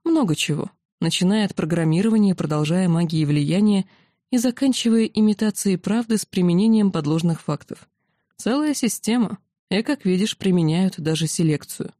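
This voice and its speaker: A calm, wry male dragon who leads armies and explains things patiently, as a woman reads him in an audiobook. His voice is dark and mellow and sounds dry and close. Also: on the low side, normal speed, dry recording. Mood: wry, explaining.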